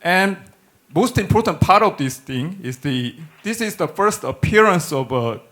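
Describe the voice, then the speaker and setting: A middle-aged man with a Korean accent gives a technical lecture in a halting manner, often repeating words as he searches for phrasing. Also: high-pitched, expressive, fairly bright tone. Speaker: academic researcher presenting a lecture. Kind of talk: technical conference lecture with slides. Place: indoor lecture hall, speaking at a podium.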